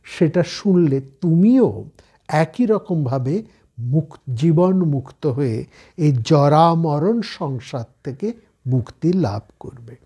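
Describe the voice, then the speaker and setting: A man with a Bengali accent giving a slow, measured scripture discourse, explaining each point step by step. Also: on the high side, animated, mellow, slightly rough. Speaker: spiritual speaker.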